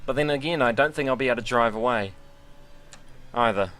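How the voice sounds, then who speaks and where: A man's voice: medium pitch, a little fast, a bit bright. A man giving casual, rambling and self-deprecating commentary while sim racing.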